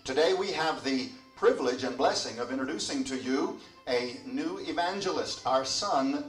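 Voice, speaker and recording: An older man, an evangelist and children's home director, formally introducing his son's ministry. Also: on the high side. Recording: roomy, from a distance, faint music.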